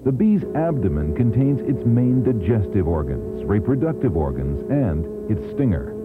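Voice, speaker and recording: A man narrating an educational documentary in a clear, teacherly way, heard from a worn VHS tape copy. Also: medium pitch, sing-song, moderate pace. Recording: thin, tinny worn VHS tape with music. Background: music score.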